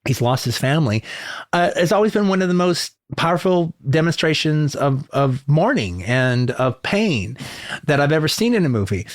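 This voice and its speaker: A man's voice: fairly high pitch, no echo. Male podcast co-host, rambling and emphatic, dry close sound. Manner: rambling, emphatic, with quoted asides. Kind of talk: casual film discussion.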